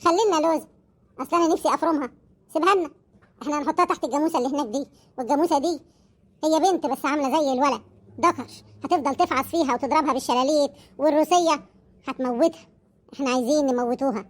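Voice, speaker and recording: Comic Egyptian village bruiser, put on by a woman, menacing, high-pitched, fast. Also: lightly acted. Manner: gloating, menacing. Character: rough scheming village man, mocking.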